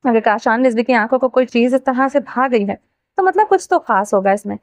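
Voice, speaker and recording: A woman's voice: on the high side, no room sound, studio quality, natural voice. A woman reading as a cocky shameless young man. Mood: carefree. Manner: teasing, carefree.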